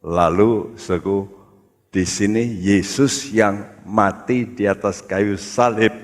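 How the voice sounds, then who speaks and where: A man preaching a sermon as pastor, speaking to the congregation in an emphatic, deliberate way. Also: fairly low pitch, fairly even intonation. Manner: addresses the congregation as brothers, slow and emphatic. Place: church hall. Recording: church hall with long reverb.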